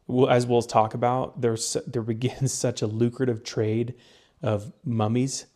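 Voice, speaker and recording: A man's voice: medium pitch, flat delivery, a little slow, warm tone. A young man co-hosting a casual podcast, explaining research in a rambling way, with lots of fillers and restarts. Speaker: podcast co-host presenting research. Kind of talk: casual chat.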